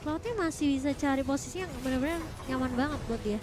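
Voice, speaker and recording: A woman calling a live game match excitably, like a fighting game announcer. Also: sits high, fast. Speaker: esports shoutcaster. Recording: music behind the voice. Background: music.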